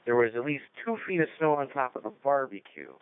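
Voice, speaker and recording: A man's voice: medium pitch, lively intonation, a little fast, clear, resonant tone, dry recording. A man hosting a ham radio net in a chatty, rambling way, heard over a radio link. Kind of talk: casual on-air net chat. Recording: narrow radio-link sound, dry.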